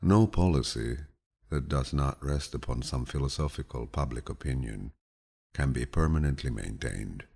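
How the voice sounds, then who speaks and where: The clip features scripted audiobook narration of quotations, read slowly by a man. He speaks in a husky, low, deep voice, with a grandfatherly manner that is calm and soothing.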